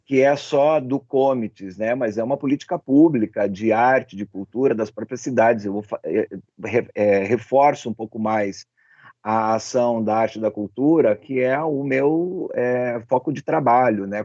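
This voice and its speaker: A man with a dark, relaxed voice of middle pitch gives a panel answer, often stopping to search for words. The sound is dull and roomy. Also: normal speed. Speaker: panel guest working in cultural production. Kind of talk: spontaneous panel discussion answer. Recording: echoey, dull, muffled sound.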